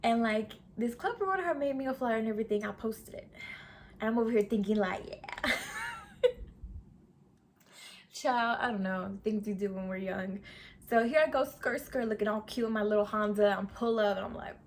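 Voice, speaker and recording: She speaks in a mid-range voice at a moderate pace, leaving long pauses, with slight noise in the background. This twenty-something beauty vlogger tells her storytime casually and chattily, sassy and slangy, saying "sis" and "okay" a lot.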